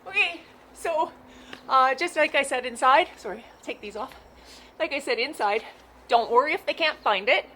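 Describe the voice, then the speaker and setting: A woman's voice: high voice, normal speed, sharp tone, slight background noise. A woman dog trainer explaining a game outdoors in a chatty, reassuring, unscripted way. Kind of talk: casual instructional talk.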